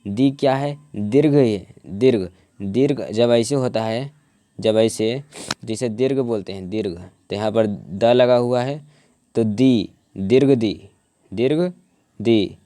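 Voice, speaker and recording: A young man teaching grammar from his notes, often repeating words and restarting, and slowing down to spell out word parts. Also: mid-range voice, warm tone, dry recording. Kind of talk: explaining from notes to camera.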